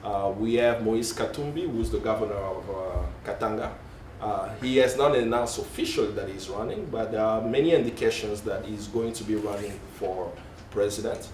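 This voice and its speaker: A man with a lowish, slightly mellow voice speaks at a moderate pace with few pauses as a panelist in a conference hall. He searches for words, corrects himself and says um and uh often. The distant mic picks up a roomy hall sound with faint noise.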